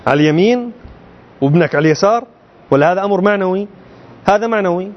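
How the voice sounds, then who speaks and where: Speaking fast and animatedly, a man whose voice sits high explains a creed text to his students. He keeps his tone colloquial, with plenty of rhetorical questions. The recording's highs are cut off.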